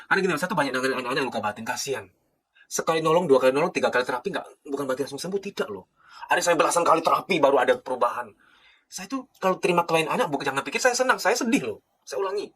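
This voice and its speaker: A middle-aged man from Indonesia lectures as a psychologist in quick, rushing bursts. His voice is bright and forceful. He swings from loud, urgent pleading to soft, hushed asides. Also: mid-range voice. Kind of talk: passionate spoken lecture.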